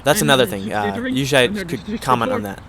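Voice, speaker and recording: A man in a middle-pitched voice talks over his footage in a loose, rambling way. He leans on fillers and pokes fun at himself. Crowd chatter hangs in the background. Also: big pitch swings, fast talker. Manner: rambling, filler-heavy, self-mocking. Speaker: vlogger. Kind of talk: casual voice-over commentary.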